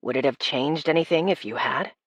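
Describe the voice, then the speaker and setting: A woman voicing a teasing young man in an audiobook, with a low, quiet, deadpan delivery. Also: fairly quick, slightly rough, no room sound. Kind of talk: audiobook character voice.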